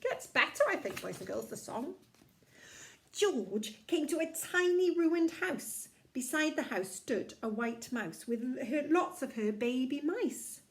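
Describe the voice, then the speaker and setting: Kids show host lady doing storytime, unhurried, sing-song, really high voice. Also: expressive. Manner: sing-song, exaggerated and encouraging, addressing children directly. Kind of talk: reading a picture book to children, kids show host.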